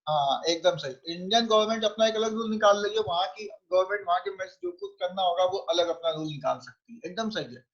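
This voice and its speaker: A man's voice: high-pitched, a little fast, hardly any pauses, a bit bright, highs cut off. A man teaching physics, conversational and often checking that students follow. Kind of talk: online class lecture.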